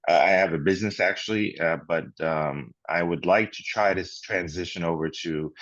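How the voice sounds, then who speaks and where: A very deep-voiced man speaks over a scratchy, poor-quality bluetooth headset mic that makes him sound dull and lo-fi. The sound is close and dry. He talks casually on a video call, pausing and repeating words as he works out what he wants to say. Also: a bit bright, no echo. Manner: halting, restarts and repeats words. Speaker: guest on a networking video call. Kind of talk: casual conversation.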